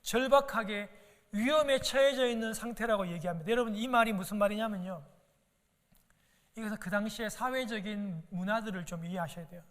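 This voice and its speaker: A man's voice: sits high, brisk, fairly bright tone. A male pastor preaching a sermon in a church, emphatic, repeating words and asking rhetorical questions. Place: church sanctuary. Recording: long reverb of a church hall.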